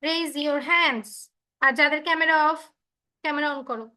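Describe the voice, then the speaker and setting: A woman teacher with a Bengali accent leads an online English class, her voice high and bright. She explains slowly and patiently, repeating each point and mixing English with Bengali, heard through a video call. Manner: slow, repetitive explaining, switching between English and Bengali.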